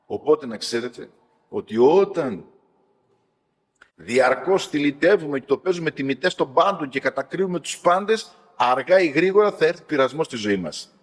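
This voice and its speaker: A man, a priest, retelling stories of elders in an animated sermon, swinging between loud and soft. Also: a little high. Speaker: priest giving talks. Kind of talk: sermon-like storytelling talk. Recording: long hall reverb.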